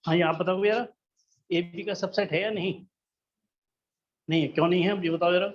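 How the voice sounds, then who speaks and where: High-voiced patient male math teacher. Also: fairly even intonation, moderate pace, highs cut off, slight background noise. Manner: patient, coaxing, checks understanding often. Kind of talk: classroom lesson. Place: classroom.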